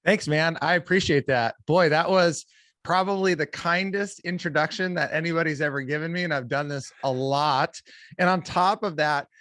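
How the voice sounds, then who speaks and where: A man's voice: on the high side, moderate pace, a bit bright, no room sound. A man guesting on a podcast, a coach and speaker telling his own story in an open, candid way. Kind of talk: conversational interview storytelling.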